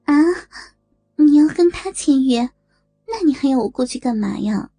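A bold, teasing young woman, voiced by the narrator in a storytelling recording. Her voice sits fairly high with a husky, gravelly edge and a dark, mellow tone. She speaks slowly and playfully. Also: lively intonation, no echo, faint music behind, full character voice. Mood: hesitant. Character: young adult daughter, saleswoman, bold and teasing.

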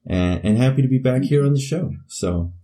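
A man's voice: mid-range voice, animated, a little fast, warm tone. A man with a Canadian accent chatting casually and loosely as a podcast co-host, often dropping in "you know". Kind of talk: casual chat.

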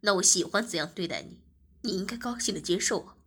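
A cold, domineering master, voiced by a woman reading an audio story gives orders in a low, husky voice. The delivery is clipped and commanding, flat with scorn. It sits noticeably below the storyteller's own speaking pitch. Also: normal speed.

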